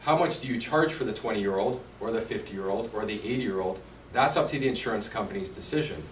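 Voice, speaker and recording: Man, mid-pitch, easy seminar presenter who quizzes the room; distant, roomy recording. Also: lively intonation, fairly quick. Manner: chatty, quizzes the audience. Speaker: insurance presenter. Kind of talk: conversational seminar talk. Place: meeting room at a seniors' residence. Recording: roomy, distant, faint hiss.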